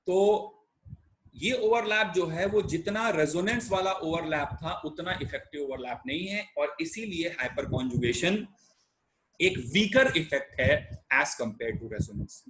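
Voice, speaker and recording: A man's voice: fairly high pitch, a bit bright, a little hiss or hum, low-quality recording. A young man teaching chemistry in a conversational way, often checking that students are following. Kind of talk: explaining a lecture.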